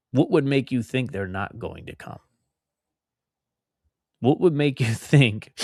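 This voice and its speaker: Hosting his own solo podcast, a middle-aged man from just outside Philadelphia talks in a rambling, chatty style full of emphatic repetition. He has a mid-range voice, and the recording is dry with studio quality.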